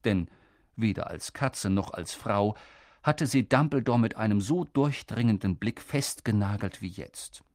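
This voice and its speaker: A man narrating a fantasy audiobook with expressive, storytelling delivery. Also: fairly low pitch, unhurried, no echo, studio quality. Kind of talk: scripted narration.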